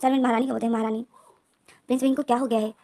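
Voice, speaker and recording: A woman's voice: on the high side, little pitch movement, very fast, mellow. A woman retelling a fan story as a narrator, quoting each character's lines in her own voice.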